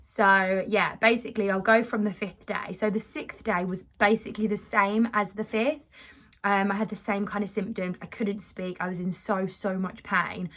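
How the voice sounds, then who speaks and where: A woman's voice: mid-range voice, fairly even intonation, moderate pace, fairly bright tone. A woman vlogger recounting her experience in a casual chat to camera.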